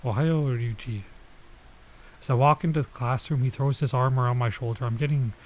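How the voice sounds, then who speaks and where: This let's play has a man reading a visual novel aloud, stopping for casual comments and translations of Japanese phrases. His voice is medium-pitched and darkish, and he talks fairly quickly.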